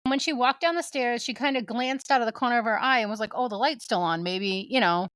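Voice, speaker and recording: A woman's voice: on the high side, quick pace, a bit bright, no echo. A woman co-hosting a podcast, telling a true ghost story in casual chat, laughing often and voicing the people she quotes. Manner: laughing, retells with voiced quotes. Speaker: podcast co-host.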